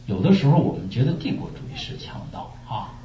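A man from China preaching a sermon, telling stories lively and asking rhetorical questions. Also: mid-range voice, fast talker, a little hiss or hum. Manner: animated storytelling with rhetorical questions. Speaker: pastor. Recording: echoey room, distant muffled mic.

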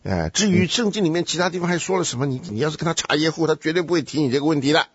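Man, Bible study host, teasing quizmaster, husky voice, dull dry audio. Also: a little high, animated, very fast, no room sound. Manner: teasing, quizzing, laughs often. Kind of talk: casual Bible study chat.

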